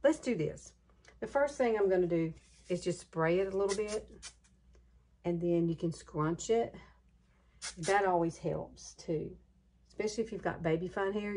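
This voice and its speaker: A woman in her late fifties from Alabama with a Southern accent, chatting through a hair tutorial in a gushing, folksy way. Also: on the low side. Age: 50s. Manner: gushing, chatty, drawling with laughs. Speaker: beauty vlogger. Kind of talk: casual hair tutorial chat.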